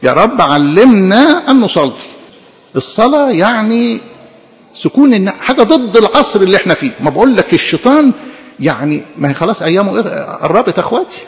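A man with an Egyptian Arabic accent preaching a sermon as a priest, animated, playing out quick imagined exchanges and repeating words for emphasis. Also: high voice, big-room sound, muffled recording.

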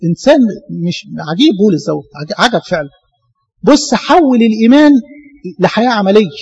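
A man with an Egyptian Arabic accent preaching a sermon, throwing out rhetorical questions and slowing down to quote scripture. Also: high-pitched, slightly rough, lo-fi sound. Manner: rhetorical questions, shifts between quick colloquial talk and slow scripture; animated, rising bursts of emphasis.

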